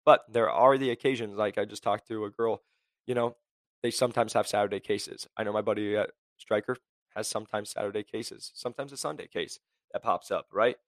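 A young man hosting a career podcast, blunt and high-energy, packed with "like" and "right?". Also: brisk, no room sound. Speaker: podcast host. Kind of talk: motivational career podcast talk.

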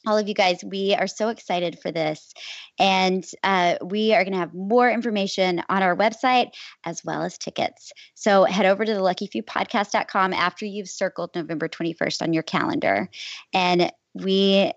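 Female podcast host, casual announcements, excited and emphatic, mid pitch, dry muffled recording. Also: normal speed, no room sound. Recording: dull, slightly lo-fi close recording.

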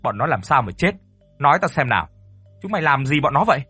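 A man's voice: medium pitch, very animated, fast talker, bright, forceful tone, husky, no room sound, faint music behind, heavily acted. A man voicing an angry, cruel older male landlord who barks bullying orders at his servants. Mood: demanding.

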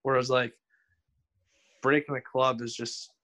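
A young man chatting casually as a podcast guest, rambling and halting, often repeating himself. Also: medium pitch, little pitch movement, sharp tone. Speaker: guest streamer.

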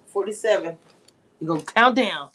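A woman's voice: medium pitch, expressive, fairly bright tone, breathy edge, low-quality recording. A woman in her forties chatting casually with viewers on a livestream, drawing out her words. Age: 40s. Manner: chatty, drawn-out, talks to viewers. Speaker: livestream host.

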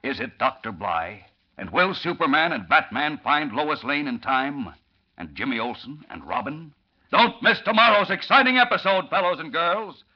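A man's voice: on the high side, expressive, moderate pace. A man performing as an old radio announcer, narrating an adventure serial in a theatrical, dramatic style. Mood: urgent, excited. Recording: dull vintage radio recording, faint noise.

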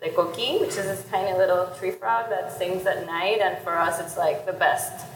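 A woman with a Puerto Rican accent talking thoughtfully in a panel conversation, haltingly repeating words as she forms her ideas. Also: lowish voice, fairly even intonation. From Puerto Rico. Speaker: panelist, anthropologist. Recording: echoey reverberant room with clear background noise.

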